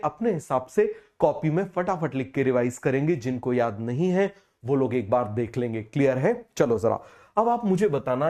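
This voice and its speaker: A man teaching a biology class, unwell with a fever, who keeps asking questions and repeating the answers slowly. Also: medium pitch, a little mellow. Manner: call-and-response questioning, repeats key terms slowly. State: feverish, speaking slower than usual. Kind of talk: online class lecture.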